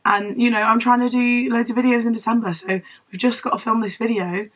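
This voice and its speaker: A woman's voice: a little high, steady tone, a little fast, fairly bright tone, rough recording. A young woman with a southern English accent chats casually to camera in a wheezy, strained voice, unwell and rambling in a self-deprecating way. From Devon, England. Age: young adult. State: unwell, losing voice. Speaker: book vlogger. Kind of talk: casual chatty vlog to camera.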